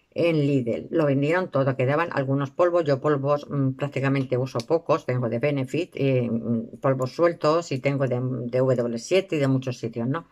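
A woman's voice: low-pitched, darkish tone. A woman in a casual product review vlog, chatty and full of fillers, talking to her viewers as girls. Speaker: beauty and shopping vlogger.

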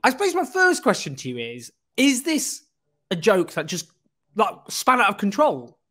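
A man, hosting a political interview over a video call, animated and full of joking asides. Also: sits high, normal speed. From northern England. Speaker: host. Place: small room indoors. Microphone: studio mic on a boom arm.

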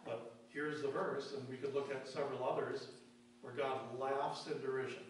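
A man's voice: mid-range voice, flat delivery. Distant preaching man in an echoing church. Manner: emphatic preaching, rhetorical questions answered with slow drops in volume; reads verses aloud in a slowed, deliberate cadence. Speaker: pastor. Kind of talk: sermon. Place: church sanctuary. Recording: very echoey church, distant mic, faint hum.

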